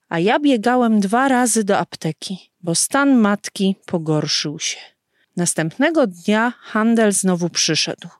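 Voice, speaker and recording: A woman reading a story aloud slowly and expressively, giving the characters' lines their own voices. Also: mid-range voice, no room sound, clean studio sound. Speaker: narrator.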